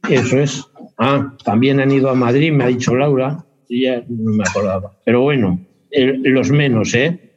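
A man's voice: medium pitch, moderate pace, a little mellow, a little hiss or hum. A man chatting in an interview, rambling and hesitant, often correcting himself. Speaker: interviewee, basketball parent. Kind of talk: casual interview chat. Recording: dull lo-fi sound.

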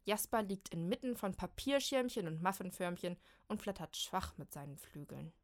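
A woman narrating a children's storybook with a lively, expressive reading. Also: mid-range voice, normal speed.

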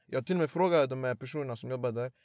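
Young man, animated slangy storyteller, dry close sound. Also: mid-range voice, no echo. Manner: animated storytelling, acts out quotes, slangy street talk. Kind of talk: casual chat.

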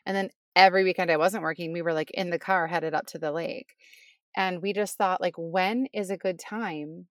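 Woman chatting from inside a closet, close dry sound, low-ish voice, lots of "like". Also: moderate pace. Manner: chatty, relaxed, many "like" fillers. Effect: muffled closet sound, dry with no room echo. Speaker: nurse and podcast co-host. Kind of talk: casual chat between friends.

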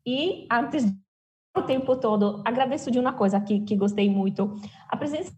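A woman's voice: fairly high pitch, normal speed, darkish tone. A woman from Italy with an Italian accent in her Portuguese, explaining her views conversationally and emphatically as an interview guest, often posing questions and answering them herself.

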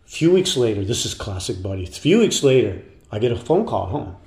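A man spinning loose, rambling road anecdotes as an interview guest, mid-pitched and relaxed. His talk is full of restarts and asides. The recording carries a roomy echo. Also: fast talker. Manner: animated anecdotes with put-on voices, loose and rambling. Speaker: guest musician. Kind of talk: casual storytelling interview.

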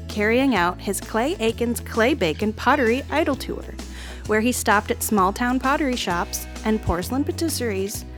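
A woman podcast host reading an absurd made-up biography in a straight, deadpan delivery. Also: fairly high pitch. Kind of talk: comic mock-biography reading.

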